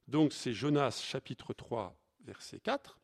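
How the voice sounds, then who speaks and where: A man's voice: medium pitch, expressive, slow. A male priest giving an informal Lenten teaching to a retreat audience, talking conversationally with many fillers and restarts. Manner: conversational, many fillers and restarts, reads scripture aloud more forcefully.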